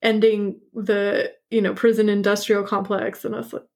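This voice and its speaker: This interview guest is a woman in her thirties, an actor born in Hungary who grew up partly in New York and Montreal. She has a mid-range, darkish voice with vocal fry and little pitch movement, speaks at a moderate pace, and laughs often amid many fillers in the casual chat.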